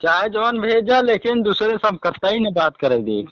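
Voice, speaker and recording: A high-pitched man talks in a rustic eastern Uttar Pradesh accent, insistent and repeating himself like someone set on his point. The phone recording is dull, with no room echo. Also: sing-song, moderate pace. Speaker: telecom customer on a support call. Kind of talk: casual phone conversation.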